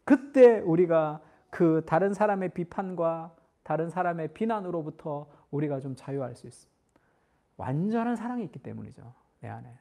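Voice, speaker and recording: A man's voice: on the high side, gravelly, warm tone. A middle-aged man preaching a Sunday sermon as pastor, in a conversational style that moves between formal and casual speech.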